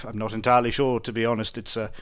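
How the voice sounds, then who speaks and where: A man's voice: medium pitch, flat delivery, racing, fairly bright tone, clean tone, lightly acted. A man voicing a haughty nobleman who looks down on merchants, speaking in an airy, pompous and hesitant way.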